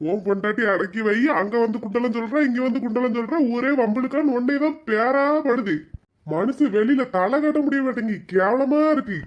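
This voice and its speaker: A woman's voice: a little high, brisk, lo-fi sound, lightly acted. A woman voicing a bullying village husband who scolds and threatens. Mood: scolding.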